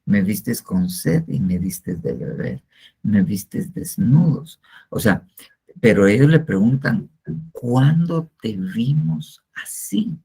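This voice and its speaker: A man's voice: fairly low pitch, vocal fry, mellow, breathy edge. An older man teaching a church discipleship class in a rambling, repetitive way, full of hesitant fillers. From Guatemala. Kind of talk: informal sermon teaching. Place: church class, not seen.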